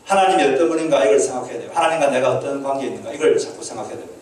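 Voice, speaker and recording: A man's voice: medium pitch, a little mellow. A man preaching a sermon as pastor, earnestly asking the congregation questions and acting out quoted prayers. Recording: echoey hall, mic at a distance.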